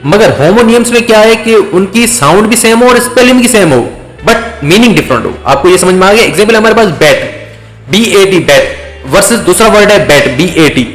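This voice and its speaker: A man giving an English vocabulary lecture, explaining slowly with many fillers and check-ins. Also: sits high, animated, fairly bright tone. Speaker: English teacher. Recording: echoey room with faint music.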